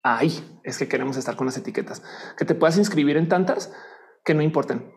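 A woman's voice: low-pitched, fairly quick. A woman from Colombia with a Colombian accent, a guest chatting casually and acting out the voices she quotes. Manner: animated, acts out quoted voices, laughs often. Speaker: guest, youtuber and teacher. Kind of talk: casual chat.

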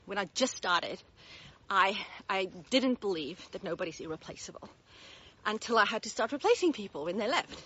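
A woman's voice: a little high, fairly bright tone, dull audio, a little hiss or hum. An Australian woman talking straight to her viewers as a business mentor while walking uphill outdoors, a little out of breath, upbeat and direct. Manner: upbeat, direct, laughs often. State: slightly out of breath. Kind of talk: casual walk-and-talk vlog.

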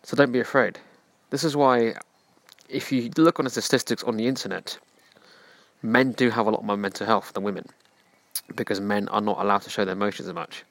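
A man's voice: lowish voice, fairly even intonation, fairly quick, a bit bright, no echo. A man hosting a self-help podcast, speaking earnestly and preachily in direct address to the listener. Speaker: podcast host.

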